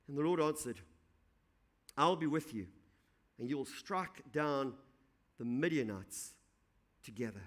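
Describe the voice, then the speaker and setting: A man's voice: mid-range voice, expressive, a little slow, long pauses, a bit bright. A male pastor preaching an evening sermon, reading scripture aloud and then explaining it in a conversational, encouraging way. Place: church.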